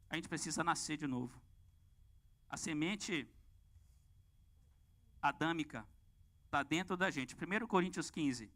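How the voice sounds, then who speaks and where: Bright-voiced Brazilian preacher, lively. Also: male voice, a little high. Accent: Brazilian Portuguese. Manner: lively, asks the congregation questions. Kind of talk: sermon. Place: church.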